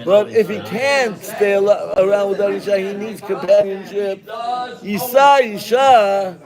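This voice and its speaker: A man teaching a Talmud class, animated and joking, calling on students by name. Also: sits high, unhurried, a crowd in the background.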